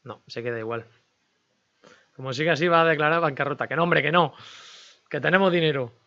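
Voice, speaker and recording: Male gaming host, chatty self-talk over gameplay, crisp slightly dull mic. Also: fairly high pitch, fairly quick, bright, forceful tone. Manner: chatty, talks to himself and viewers while negotiating. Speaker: gaming YouTuber. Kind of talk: casual game commentary.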